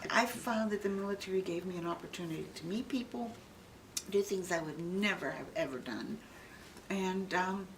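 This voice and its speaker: A woman's voice: lowish voice, moderate pace. An older woman, a military veteran, remembering her service informally in an interview. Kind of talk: casual reminiscing in an interview. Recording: distant microphone, clearly noisy room.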